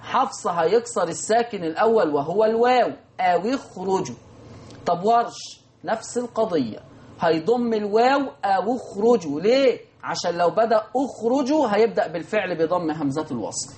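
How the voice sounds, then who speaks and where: A man with an Egyptian Arabic accent teaching Quran recitation rules, answering imagined student questions and chanting verses slowly. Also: high-pitched, a little mellow. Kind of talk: televised recitation lesson.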